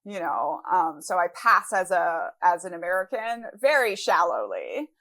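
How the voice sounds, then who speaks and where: A woman's voice: lowish voice, very animated, measured pace, a bit bright. Candid woman guest, reflective and chatty. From Brazil. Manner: candid, reflective, many fillers. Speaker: podcast guest, author. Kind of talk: casual interview conversation.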